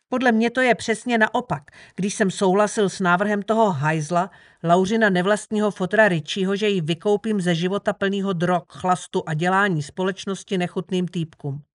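Woman narrator, audiobook, steady reading, middle pitch, dry close sound. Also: no room sound. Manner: steady first-person reading.

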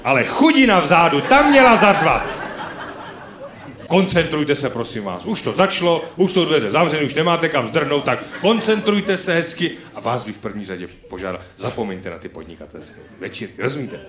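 A man's voice: mid-range voice, lively intonation, few pauses, crowd noise. A man doing stand-up comedy on stage, chatty and teasing the audience. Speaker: stand-up comedian hosting a live show. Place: theatre hall with live audience. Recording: roomy live hall sound.

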